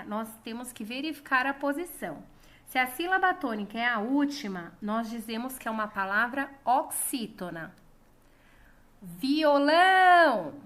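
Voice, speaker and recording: A woman with a Brazilian Portuguese accent teaching a lesson, calling out words slowly and drawing out the stressed syllable. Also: fairly high pitch, a bit bright. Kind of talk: slow, clear classroom lesson.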